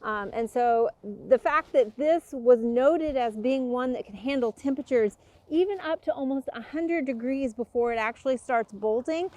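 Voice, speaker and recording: A woman's voice: high voice, moderate pace, darkish tone, dull audio. A woman hosts a gardening program. She explains each planting step in a friendly, patient way with small fillers. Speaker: gardening show host. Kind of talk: instructional gardening talk and interview.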